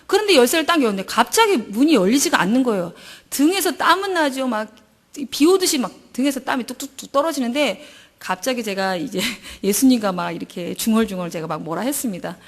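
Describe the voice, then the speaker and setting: A high-pitched middle-aged woman gives an emotional church testimony. Her voice leaps up and down as she tells the story, and she dramatizes her own prayers. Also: lively intonation, brisk. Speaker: pastor's wife giving testimony.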